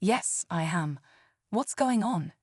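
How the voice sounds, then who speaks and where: A woman's voice: fairly low pitch, expressive, slow pace, a little mellow, breathy edge, dry recording, studio quality, exaggerated voice. A woman voicing a determined young man who demands answers with a rising voice. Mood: defiant.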